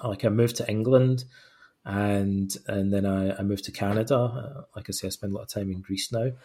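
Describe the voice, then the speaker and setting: Speaking at a normal speed in a lowish, fairly even voice that's dark with a breathy edge, this middle-aged author from Scotland gives relaxed interview answers. He rambles, puts himself down, and keeps restarting with plenty of fillers.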